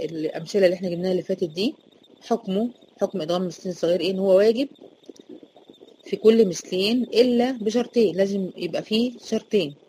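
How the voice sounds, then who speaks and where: A woman's voice: lowish voice, mellow, a little hiss or hum, poor audio. A woman teacher with an Egyptian accent explaining a recitation lesson, asking questions and answering them herself. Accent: Egyptian Arabic.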